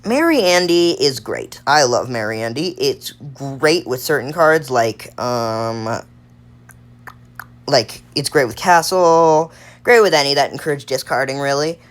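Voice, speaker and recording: A woman with a strikingly low voice talks through a gaming tier list, thinking out loud. Her delivery wanders and restarts, full of fillers, while her pitch rises and falls in a lively, animated way. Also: unhurried. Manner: rambling, thinks aloud with many fillers and restarts. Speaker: gaming video creator. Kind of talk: casual tier-list commentary.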